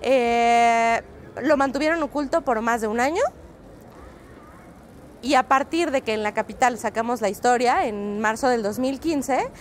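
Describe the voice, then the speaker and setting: Out on a busy city street, a high-voiced Mexican woman reporter gives a street interview in an unhurried, fluent, explanatory way, dropping frequent "eh" fillers. Her accent is Mexican Spanish, and faint street ambience adds slight background noise.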